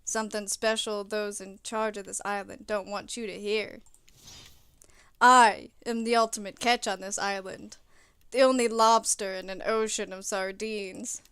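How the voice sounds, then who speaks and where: A woman voicing a cocky, swaggering male pop idol in a dating game, in a slightly lowered put-on voice. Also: steady tone, a little slow, a bit bright, clean tone, no echo, studio quality. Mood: smug flirting.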